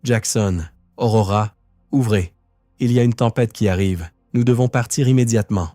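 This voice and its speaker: A man's voice: fairly low pitch, normal speed, warm tone, dry recording, studio quality, close to an everyday voice. A man voicing a frantic woman who pleads to be let in before a storm.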